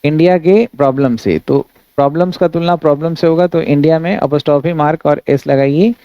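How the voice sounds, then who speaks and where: A male grammar teacher giving an exam-prep lesson, reading English sentences out slowly and explaining each one in a steady, instructive way. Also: fairly high pitch, smooth, dry recording, muffled recording. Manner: addresses students as friends, steady instructive delivery.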